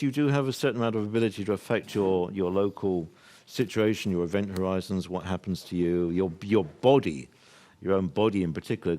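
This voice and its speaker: Older man from the uk, lowish voice, earnest workshop lecture, emphatic, rambling. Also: dark tone. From United Kingdom. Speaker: workshop speaker. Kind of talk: live workshop talk to an audience.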